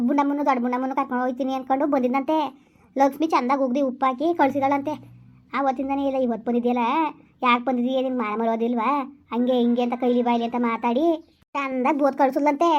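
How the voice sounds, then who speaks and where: A woman's voice: high-pitched, dull audio, close to an everyday voice. A woman playing a grieving village woman who laments and scolds while consoling her family in a rural family drama.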